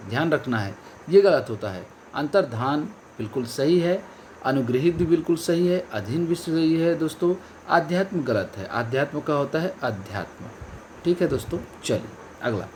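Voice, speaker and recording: A man's voice: on the high side, lively intonation, moderate pace, darkish tone, a little hiss or hum. A male coaching teacher giving an online exam-prep lesson, stressing each key word and repeating the correct answer. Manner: addresses viewers as friends and companions.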